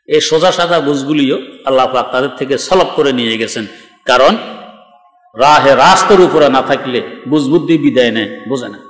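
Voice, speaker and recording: A man from Bangladesh, preaching a sermon in an emphatic, argumentative and mocking way. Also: mid-range voice. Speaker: Islamic preacher. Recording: echoey hall reverb.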